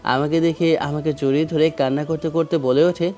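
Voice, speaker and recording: A man's voice: fairly high pitch, fairly even intonation, normal speed, darkish tone. Dramatic young male storyteller. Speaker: narrator. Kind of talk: first-person audio story narration.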